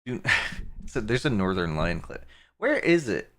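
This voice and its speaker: A man's voice: fairly low pitch, very animated, measured pace. A man streaming live, reacting to clips with crude jokes and frequent laughter. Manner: crude, joking, laughs often. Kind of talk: casual live-stream commentary.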